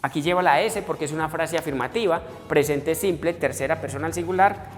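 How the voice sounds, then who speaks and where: A male English teacher walks his students through grammar step by step, addressing them warmly as a group. His voice rings with a long echo in the room, and faint music plays underneath. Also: fairly high pitch, fairly quick. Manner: explains step by step, addressing students as muchachos and voicing their questions. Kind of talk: recorded classroom lesson.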